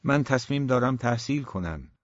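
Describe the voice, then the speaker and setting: A man reading the part of a quiet teenage boy who answers his father in short, subdued, defiant replies. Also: medium pitch, animated, no room sound, highs cut off, pitched above the performer's own voice, close to an everyday voice.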